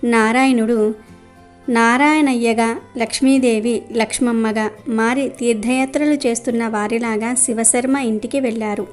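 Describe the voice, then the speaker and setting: A woman narrating a devotional story in a steady, measured storytelling voice. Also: a little high, soft background music.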